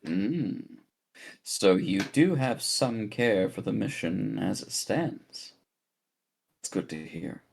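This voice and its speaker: Guy doing a calm fortune teller lady, formal and measured, asks searching questions, on the low side. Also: vocal fry, a little hiss or hum, heavily acted.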